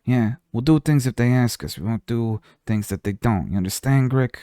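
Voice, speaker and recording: A man's voice: mid-range voice, normal speed, mellow, no room sound, clean studio sound, lightly acted. A man doing a drawling mobster boss. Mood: scheming. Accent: Italian-American mobster put-on. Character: Italian-American mobster boss, smooth, scheming.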